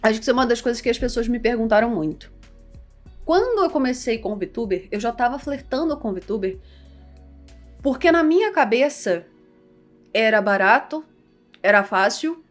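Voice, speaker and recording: Young Carioca woman, fairly high voice, animated casual vlogger, light music underneath. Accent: Carioca Portuguese. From Rio de Janeiro, Brazil. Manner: animated, chatty, self-deprecating. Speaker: VTuber and content creator. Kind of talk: casual vlog talk.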